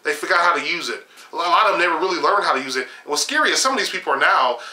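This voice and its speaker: A man's voice: fairly high pitch, rapid-fire, reverberant. A young man giving sarcastic, opinionated political commentary to camera from a small room at home, with many fillers and restarts. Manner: animated, gesturing, sarcastic, frequent fillers and restarts. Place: small room at home, shelves of games behind.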